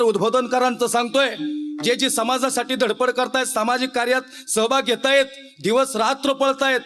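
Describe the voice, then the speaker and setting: High-pitched male kirtankar, emotional and rustic, speaking straight to the crowd. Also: a bit bright, slight background noise. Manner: emotional, rustic, addresses the audience directly. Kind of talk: devotional kirtan sermon.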